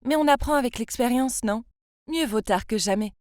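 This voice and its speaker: Woman in her twenties from France, brightish voice, confiding storybook narrator, dry close mic. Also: on the high side, normal speed, no echo. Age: 20s. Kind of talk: scripted first-person storytelling.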